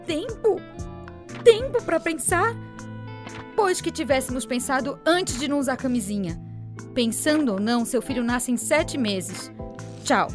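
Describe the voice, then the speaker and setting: A woman's voice: on the high side, animated, moderate pace, over music, close to an everyday voice. A woman voicing an anxious, emotional young pregnant woman in an amateur radio drama, pleading and upset. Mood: hurt, angry.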